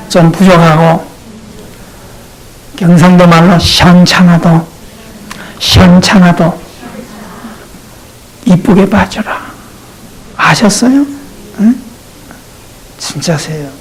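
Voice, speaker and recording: A male pastor preaching a sermon, talking straight to his congregation in a playful, animated way. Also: high-pitched, rough recording.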